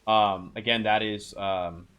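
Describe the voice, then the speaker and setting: The recording sounds muffled, but the man's voice is clean in tone, on the low side, fairly even and slow. A game guide creator and streamer, he gives a casual voice-over tutorial for a video game, chatting loosely with "you guys" and using plenty of ums, uhs and restarts.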